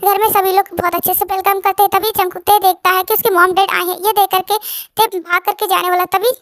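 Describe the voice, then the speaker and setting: A woman's voice: very high voice, level tone, brisk, no room sound, studio quality. A woman casually narrating a love story, rambling and often restarting her sentences.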